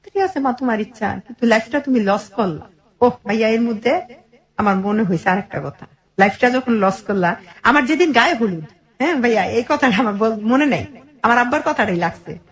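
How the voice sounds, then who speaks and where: Speaking a little fast in a slightly high voice, a middle-aged woman in her forties recounts her life informally with a colloquial Bangladeshi accent. She animates the retelling by voicing her relatives' words as quoted dialogue.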